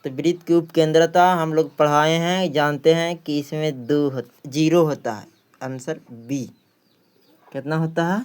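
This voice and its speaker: Working through exam practice questions in maths, this Bihari-accented teacher speaks a little slowly with a slightly high, clean voice and fairly even intonation. He tends to repeat phrases and answer his own questions.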